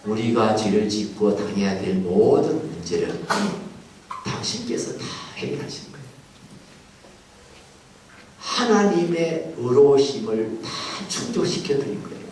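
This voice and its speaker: Animated pastor in an echoing hall. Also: male voice, mid-range voice, a little slow, pauses often, a little hiss or hum. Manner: animated storytelling, acts out voices. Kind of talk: sermon with childhood story. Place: large church hall. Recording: echoey hall from far off.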